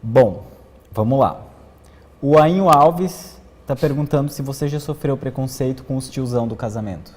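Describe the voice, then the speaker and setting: A man hosting an interview, reading out viewer questions and moving the talk along briskly. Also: mid-range voice, darkish tone, long reverb tail. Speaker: interview host.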